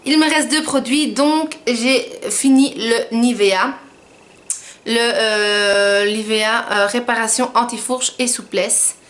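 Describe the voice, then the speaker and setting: Chatty woman vlogger, slightly high voice. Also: takes it slowly, a bit bright. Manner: chatty, rambling, self-mocking. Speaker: beauty vlogger. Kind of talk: casual product review vlog.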